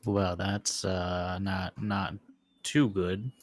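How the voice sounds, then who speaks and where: A man's voice: sits low, level tone, very slow, no room sound. A man chatting casually as a player in a tabletop role-playing game.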